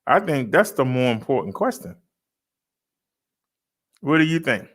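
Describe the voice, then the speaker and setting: A man's voice: medium pitch, sing-song, measured pace, fairly bright tone. A man in his fifties venting in a casual vlog, argumentative and repeating his points. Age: 50s. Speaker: vlogger. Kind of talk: casual ranting monologue.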